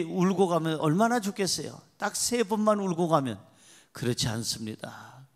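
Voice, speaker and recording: A man preaching a sermon as pastor, emphatic and repetitive, calling on the congregation to respond. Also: sits high.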